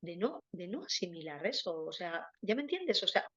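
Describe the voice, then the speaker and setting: A woman's voice: fairly low pitch, sing-song, normal speed, a bit bright, breathy edge. A woman co-hosting a podcast, mostly giving short replies and then pressing her point emphatically. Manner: brief back-channel replies, then emphatic. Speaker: podcast co-host. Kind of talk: casual conversation. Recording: slightly dull lo-fi sound.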